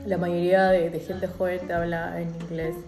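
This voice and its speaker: A woman's voice: on the low side, flat delivery, moderate pace, dark tone, soft background music. Woman host in an echoey room. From Peru. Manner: chatty, asks follow-up questions. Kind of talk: casual interview. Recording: roomy echoey recording.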